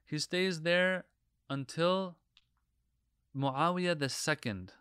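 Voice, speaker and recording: A man's voice: a little high, takes it slowly, a bit bright, clear, resonant tone, dry recording, clean studio sound. A man giving an Islamic history lecture in an emphatic, preacher-like manner with rhetorical questions. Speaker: religious lecturer.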